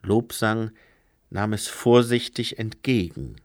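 A man narrating a novel in an expressive storytelling style, recorded on a close studio mic. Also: fairly low pitch, slow pace, no echo. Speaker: audiobook reader. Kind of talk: scripted narration.

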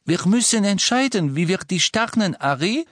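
A man's voice: high-pitched, expressive, moderate pace, fairly bright tone, no echo, pitched above the performer's own voice. A man voicing a poised, practical young witch bride in an audiobook.

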